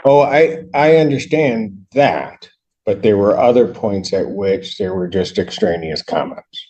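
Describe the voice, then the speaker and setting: A man's voice: lowish voice, measured pace, dark tone, highs cut off. A man presiding as judge, sternly admonishing a defendant during court proceedings, heard on a courtroom recording.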